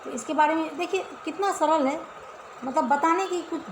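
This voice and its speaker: High-voiced woman teaching in an echoey room. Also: moderate pace, noisy background. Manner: chatty, explaining step by step with repeated questions to pupils. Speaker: Hindi teacher. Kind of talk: casual online class for children. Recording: echoey room with faint ambience.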